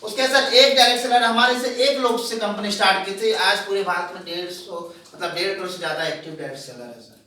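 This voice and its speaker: A man with a bright, forceful voice gives a sales seminar and calls his listeners "sir" again and again. He keeps quizzing the audience. The recording is very echoey, and he sounds far from the mic. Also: high voice, fast talker, hardly any pauses, a little hiss or hum. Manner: calls listeners "sir" often, asks them questions. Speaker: presenter. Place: large echoing room with an audience.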